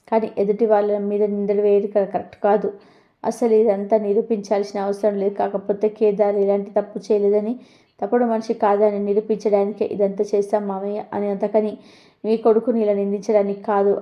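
Woman narrator, flat even tone, dull lo-fi sound, recaps a serial and voices every part herself. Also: medium pitch. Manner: brisk storytelling, voicing all characters in her own voice. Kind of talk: retelling a TV serial with quoted dialogue.

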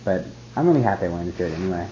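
A man's voice: sits low, lively intonation, racing, warm tone. A man in casual chat who rambles and says "like" constantly. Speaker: cooking student. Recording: dull lo-fi sound with faint noise.

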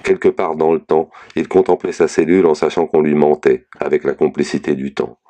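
A man narrating a novel aloud in a slow, measured, reflective reading. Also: very deep voice, flat delivery, warm tone. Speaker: reader of a novel. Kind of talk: literary audiobook reading.

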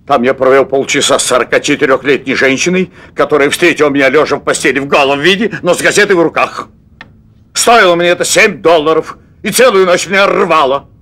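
A man in his fifties acts the part of a nervous middle-aged restaurant owner who craves adventure, making a long, hesitant confession full of repeated words. It's a stage play taped for TV, set in a theatre styled as a hotel room. His voice is a little high and fairly bright, brisk, and only lightly acted.

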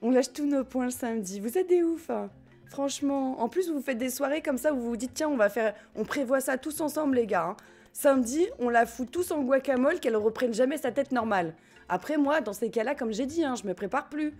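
With game music behind her, a French woman chats with her stream audience in a high, expressive, slightly mellow voice at a fairly quick pace. She giggles, swears in passing and talks straight to chat.

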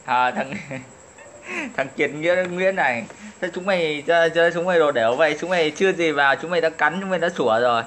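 A man's voice: on the high side, brisk, a bit bright, a little hiss or hum. A man ranting at his critics in a taunting, profane way, laughing at them as he insults them. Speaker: online commentator. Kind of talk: taunting profane rant to camera.

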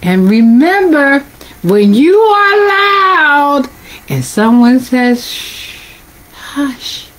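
A woman reads a children's picture book aloud in a high, lilting voice that swoops up and down. She takes each line very slowly and coaxes her young listeners in a playful storytime manner. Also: very animated. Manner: sing-song storytime reading with drawn-out words; playful, gently coaxing children. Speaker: children's librarian.

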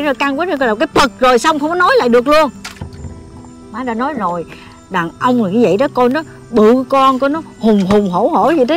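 Scolding middle-aged mother, high-pitched and fussy. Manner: scolding, lecturing, flustered.

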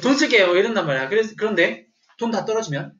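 A man's voice: high-pitched, lively intonation, fast talker, a bit bright. A man teaching English vocabulary to a class, telling a joking story and quizzing his students as he goes. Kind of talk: classroom lecture. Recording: echoey room, dull lo-fi sound.

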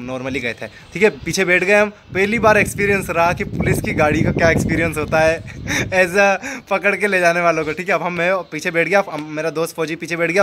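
A man's voice: on the high side, fairly bright tone, slight background noise. A young man with a Rajasthani Hindi accent telling a personal story in a chatty way, repeating phrases and acting out the people he quotes. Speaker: storyteller vlogger. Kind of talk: casual spoken storytelling.

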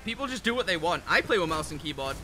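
A man streaming a shooter game live, chatting with his viewers in a profane, excitable way and quick to rant. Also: on the high side, slight background noise. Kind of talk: live gameplay commentary with chat. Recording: game gunfire clearly heard behind the voice.

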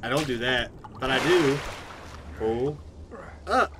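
Streamer, male, put-on Southern drawl, rambling frustrated live commentary at home, mid-pitched, background noise. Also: animated, takes it slowly. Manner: rambling, thinking aloud, frustrated. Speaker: gaming streamer.

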